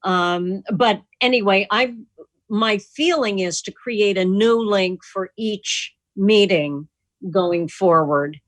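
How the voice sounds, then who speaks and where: A woman with a medium-pitched voice takes her time as she hosts an online club meeting over video call, chatting casually and jokingly and sharing little anecdotes. Her computer mic picks up no echo.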